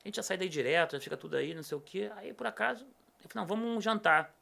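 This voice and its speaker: This middle-aged man, from Rio de Janeiro state in Brazil, speaks rapid-fire in a high voice with vocal fry. He's a guest on a podcast, animatedly recounting a personal story in casual conversation and acting out what people said.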